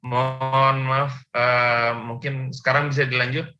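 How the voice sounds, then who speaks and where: A man's voice: medium pitch, flat delivery, a little slow, muffled recording, music in the background. A man moderating an online meeting, speaking politely and apologetically while his connection breaks up and his voice cuts out. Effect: breaking-up connection, voice cutting out and going robotic. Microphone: video call.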